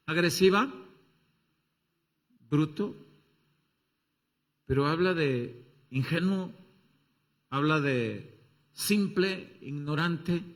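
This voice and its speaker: A man preaching a sermon as pastor, talking straight to the congregation and acting out little scenes with shouted voices. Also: on the high side. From Mexico. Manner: animated, acts out everyday scenes with shouted voices; addresses the congregation directly with questions.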